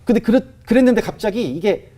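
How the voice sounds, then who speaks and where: A man sharing a personal testimony in conversation, telling it in an animated way with many fillers. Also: sits high, brisk.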